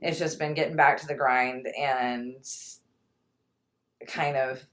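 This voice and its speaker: A woman's voice: a bass voice, steady tone, slow pace, a bit bright. A woman co-hosting a casual movie podcast, chatty and giggly, reading out film credits. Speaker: podcast co-host.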